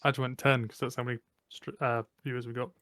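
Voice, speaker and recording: A man of medium pitch chats casually while playing a tabletop game. The sound is dry, with very little room to it. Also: flat delivery, fast talker, fairly bright tone, no room sound. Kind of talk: casual chat during a game.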